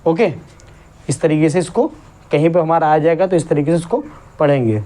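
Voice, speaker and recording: A male English teacher giving a classroom lesson, asking questions and repeating each point slowly. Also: fairly high pitch, warm tone. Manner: drills word sounds syllable by syllable.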